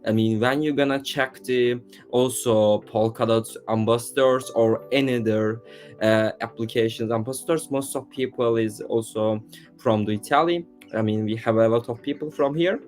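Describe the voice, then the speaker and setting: A man's voice: medium pitch, moderate pace, darkish tone, faint music behind. Turkish-accented man, chatty podcast guest. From Turkey. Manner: leans on "I mean" and "to be honest", loose non-native phrasing. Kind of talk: casual podcast conversation.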